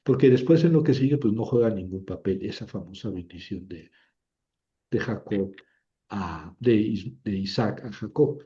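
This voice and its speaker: A man's voice: fairly low pitch, normal speed, warm tone. A man giving an informal history lecture, retelling old stories in a chatty way, full of fillers and self-corrections. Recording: dull lo-fi recording.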